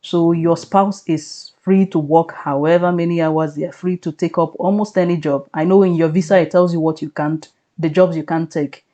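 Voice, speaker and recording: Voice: medium pitch, fairly even intonation, normal speed, mellow. An adult speaker giving casual, reassuring advice, explaining things step by step in a conversational way. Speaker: vlogger advising on living and studying in the UK.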